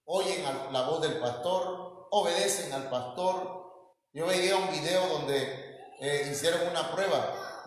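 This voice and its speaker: A man with a Mexican Spanish accent, a pastor preaching a sermon to his congregation, calling them brothers and saying amen often, with many fillers. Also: on the high side. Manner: addresses congregation as hermanos, frequent amén and fillers. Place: church hall. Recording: very echoey church hall with long reverb.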